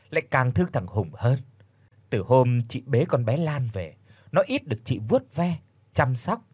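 A man reading a story aloud as an expressive audiobook narrator. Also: medium pitch, husky, no room sound. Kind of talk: scripted narration.

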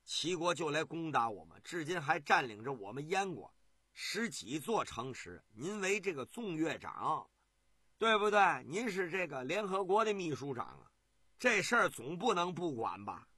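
A man's voice: a little high, very animated, moderate pace, sharp tone, breathy edge, no echo, heavily acted. A man voicing an anxious ancient king who earnestly begs his minister for help in a storytelling show. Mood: imploring.

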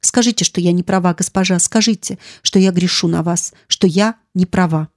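A woman's voice: fairly even intonation, normal speed, a little mellow, no echo, studio quality, natural voice. A woman voicing a terrified young maid who pleads and sobs breathlessly in an audiobook. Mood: frantic pleading. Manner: sobbing, breathless, high-pitched cries. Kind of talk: audiobook dialogue.

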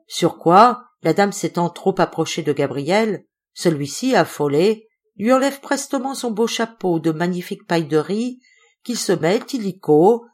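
A woman narrating a novel as an audiobook, telling the story expressively. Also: fairly low pitch. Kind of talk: audiobook reading.

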